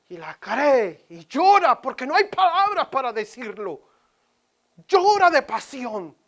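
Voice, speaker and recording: A woman preaching a sermon in church, dramatic, swinging from loud cries to hushed whispers. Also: sits high.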